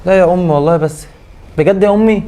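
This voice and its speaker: A man's voice: high voice, fast, dark tone, lightly acted. An actor playing a young husband torn between his mother and wife, with an Egyptian Arabic accent and an earnest, confrontational manner. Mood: confronting. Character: torn husband and son, young man, quick to anger. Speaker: actor in a web drama.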